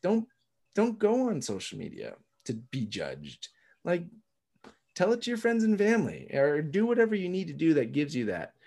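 A man's voice: on the high side, huge pitch swings, normal speed, vocal fry, a little mellow. A man speaking as a podcast guest in casual interview chat, emphatic, cursing freely and laughing often. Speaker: podcast guest, entrepreneur and coffee roaster.

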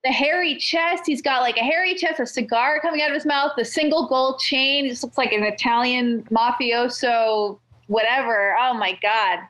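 A woman's voice: on the high side, normal speed, few pauses, fairly bright tone. A woman chatting and gushing in a casual group video call, giggly and talkative.

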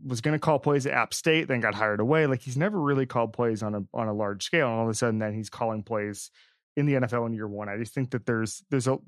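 A man's voice: mid-range voice, fast talker, no echo, clean studio sound. A man hosting a sports podcast in a casual, rambling way, with frequent restarts and asides. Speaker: podcast host.

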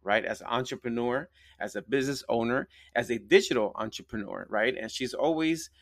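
Hosting a live interview podcast, a man talks a little fast in a medium pitch. The recording is studio quality with no room sound. He's emphatic and enthusiastic, tends to repeat things, and keeps ending phrases with "right?"

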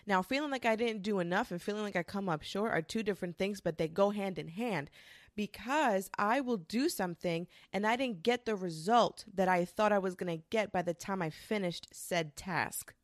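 A woman in her twenties talking casually and candidly to the camera, swearing freely and rushing through quick bursts. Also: mid-range voice, no echo, studio quality. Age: 20s. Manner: candid and profane, with frequent restarts and quick bursts. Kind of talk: casual confessional monologue.

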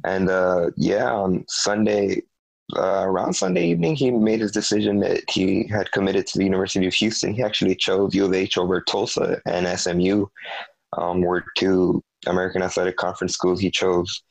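Podcast co-host, young man, deep and monotone, dry close sound, stop-start delivery. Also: creaky, no room sound, rough recording. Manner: halting, many fillers and restarts. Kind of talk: casual sports podcast chat.

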